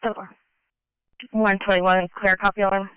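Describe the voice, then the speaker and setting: Crisp female police radio dispatcher. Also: medium pitch, little pitch movement, moderate pace, a bit bright, no room sound, low-quality recording.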